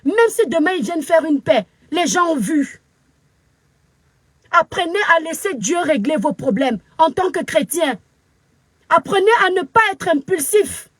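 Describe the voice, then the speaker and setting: Cameroonian woman commentator, shrill high voice, dry close sound, preachy angry rant. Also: fairly bright tone, no echo. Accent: Cameroonian French. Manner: scolding, preachy, emphatic repetition. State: very upset. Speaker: social media commentator. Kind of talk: angry live video rant. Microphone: phone camera.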